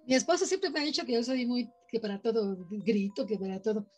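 A woman with a Mexican accent tells a personal story in a casual chat, her voice pitched fairly high with a breathy edge. She livens the tale by acting out the people she quotes. Soft music plays faintly underneath. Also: animated, fairly quick. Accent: Mexican Spanish. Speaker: podcast guest sharing paranormal experiences.

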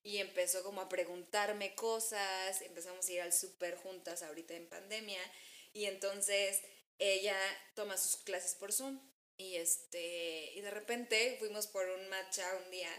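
A young woman with a Mexican accent chatting casually, telling stories and acting out quotes with sudden jumps in pitch. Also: a little slow, roomy sound. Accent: Mexican Spanish. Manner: animated storytelling, acts out quotes with jumps in pitch. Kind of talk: casual chat.

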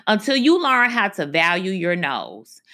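A woman hosting a faith-based radio talk, preaching conversationally and slowing down for emphasis. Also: medium pitch, big pitch swings, sharp tone. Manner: conversational preaching, slows down for emphasis, frequent asides. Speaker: radio show host.

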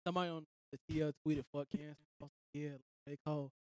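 A man's voice: flat delivery, racing, a little mellow, smooth. A man co-hosting a podcast in casual joking chat, crude and playful. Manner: crude, jokey, slips into high silly voices. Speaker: podcast co-host.

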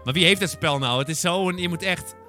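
A man's voice: sits high, fast talker, bright, forceful tone, faint music behind. A young man co-hosting a gaming podcast in casual chat, stubborn and exasperated as he argues.

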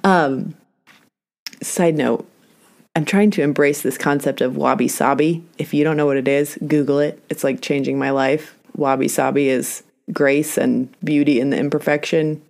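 A woman with a low voice hosts her own podcast, telling classroom stories and acting out the people in them. She is candid and laughs at herself when things go wrong. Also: fairly even intonation, moderate pace, creaky, a little mellow. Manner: candid, self-deprecating, storytelling with quoted dialogue. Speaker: podcast host, teacher. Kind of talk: solo podcast talk. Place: indoors, talking alone into a mic.

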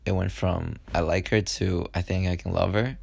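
A man's voice: sits low, fairly even intonation, normal speed, vocal fry, breathy edge, no echo. A young man casually telling a personal story on a podcast, rambling with lots of fillers and acting out what people said. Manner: rambling, with many fillers and acted-out quotes.

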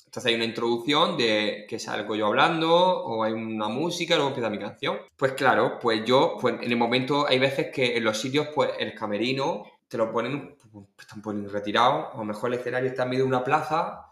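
A man's voice: mid-range voice, brisk, few pauses. A man from Spain with a Murcian accent, a guest singer telling stories in a casual podcast interview and acting out voices as he goes. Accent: Murcian Spanish. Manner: animated anecdote-telling, acting out voices with laughs. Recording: echoey room.

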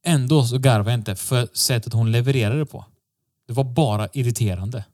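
A man's voice: medium pitch, a little mellow. Opinionated man on a podcast. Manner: opinionated, dismissive. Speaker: podcast host. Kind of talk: casual podcast chat.

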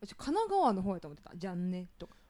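A woman's voice: medium pitch, big pitch swings, quick pace, mellow. A woman with a Kansai accent chatting playfully on a podcast, often chiming in with short replies. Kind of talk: casual chat.

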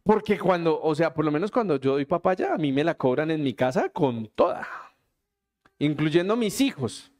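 A man preaching as a pastor, lively and joking, acting out little scenes with quick quoted voices in a church hall. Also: a little high. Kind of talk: lively sermon.

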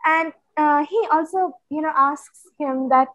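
A woman co-hosting a casual book discussion, retelling chapters in an animated, stuttering way with frequent laughs. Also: sits high, measured pace, no echo, highs cut off. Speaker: book club co-host.

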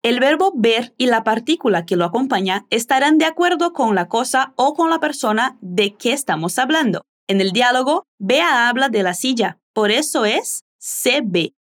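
A woman hosts a language lesson and drills phrases for listeners to repeat. She models each phrase slowly and carefully. Her voice is high, and her intonation is lively and animated. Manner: slow, careful modeling of pronunciation. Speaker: language teacher and host.

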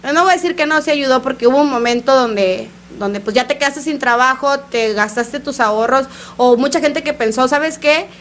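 Slangy Mexican woman, high voice. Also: normal speed, few pauses, a bit bright, a little hiss or hum. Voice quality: slangy, laughs often. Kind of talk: casual chat.

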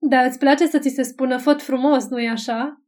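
A woman reading an audiobook, voicing a drunken, rasping woman in a low tavern who jeers at a customer. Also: fairly even intonation, lightly acted. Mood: jeering. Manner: jeering, shouting.

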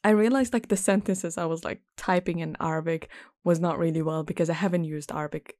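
A woman's voice: fairly even intonation, fairly quick, darkish tone, no room sound. Chatty young woman co-host, storyteller, dry close mic. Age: young adult. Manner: chatty storyteller, mimics others in a high nasal voice. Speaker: podcast co-host. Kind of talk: casual chat.

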